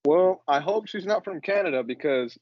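A man's voice: sits high, animated, moderate pace, dry recording. A man hosts a casual sports podcast in slangy frat-bro style. His mid-range voice is recorded very dry, with a slightly dull, lo-fi tone. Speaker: podcast host.

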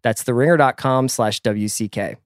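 An American man hosts a podcast, mixing casual chat with a sponsor read in a jokey, exuberant way. His voice is medium-pitched at a moderate pace, with background noise.

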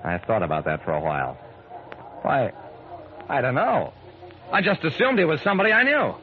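In this noisy, band-limited old radio broadcast, a man narrates his own story as an earnest, kindly amateur sleuth, serving as both narrator and lead. His medium-pitched voice is very animated at a normal speed, sounding natural through narrow, tinny audio. The mood is measured and intrigued.

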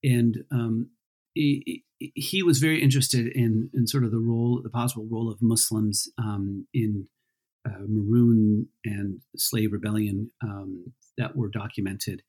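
A man from Peru, a historian, talks through his background as an interview guest. His voice is low and husky, and he pauses often with ums and restarts as he thinks aloud. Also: fairly even intonation, darkish tone. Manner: thoughtful, many ums and restarts. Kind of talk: casual interview answers.

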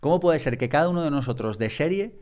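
A man's voice: on the high side, expressive, fast, darkish tone. A man, a podcast guest talking reflectively and with emphasis in a conversational way.

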